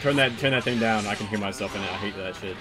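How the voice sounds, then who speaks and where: A man's voice: on the low side, fast, a crowd in the background. A man giving loose, rambling commentary on a gaming stream, swearing freely as he organizes a tournament.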